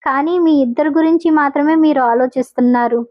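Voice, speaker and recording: A grave older businessman and father figure in an audio story, voiced by a woman reader in a high voice. He speaks in measured appeals, and the recording sounds dull and lo-fi. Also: lightly acted. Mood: earnest. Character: stern elderly businessman, guardian figure.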